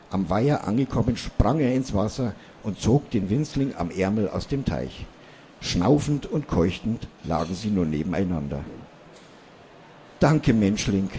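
A man calmly reading a children's story aloud. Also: low-pitched, a little hiss or hum.

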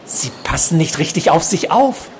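A man voicing a soft-spoken, obsessive male psychiatric patient, quiet and insistent, while reading from his novel. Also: fairly high pitch, sing-song, moderate pace, slight background noise, voice pushed up.

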